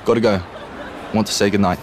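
A man voicing a friendly, confident older teenage schoolboy who talks low and confiding. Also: fairly even intonation, very fast, crowd noise, noisy background, lightly acted.

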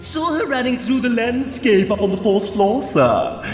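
Gleeful sly poltergeist, drawled and sing-song, reverby. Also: male voice, extremely high pitch, lively intonation, pitched above the performer's own voice. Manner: cackling, sly drawn-out taunting. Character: cackling mischievous poltergeist, gleeful and oily. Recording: roomy reverb with music behind.

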